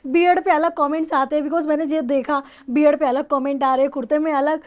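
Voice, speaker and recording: High-voiced woman interviewer. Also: steady tone, fast. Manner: asks friendly, chatty follow-up questions. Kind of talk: casual interview questions.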